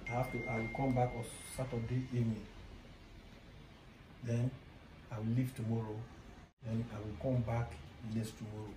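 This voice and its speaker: A man acts a secretive father, explaining himself earnestly and repeating his instructions in a mid-pitched voice. The room is echoey, and background noise runs under his voice. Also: flat delivery, moderate pace, pauses often, close to an everyday voice. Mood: urging. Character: secretive father leaving on a trip. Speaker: actor in a family skit. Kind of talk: amateur family skit acting.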